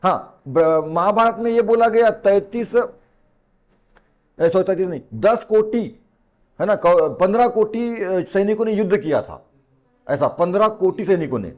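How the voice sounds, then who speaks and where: In a classroom lecture, a male coaching teacher speaks in a high, expressive and slightly mellow voice, taking his time. He's informal and teasing, stresses key words through repetition, and throws rhetorical questions at his students.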